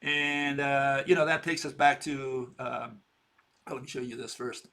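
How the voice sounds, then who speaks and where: A man's voice: medium pitch, flat delivery, a little slow, bright, forceful tone. A man in his sixties giving a rambling informal lecture, posing rhetorical questions and checking in with "okay?". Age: 60s.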